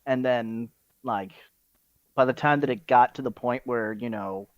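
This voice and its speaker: A man's voice: medium pitch, measured pace, clear, resonant tone, dry recording, dull audio. A man speaking hesitantly and restarting sentences in a casual podcast chat.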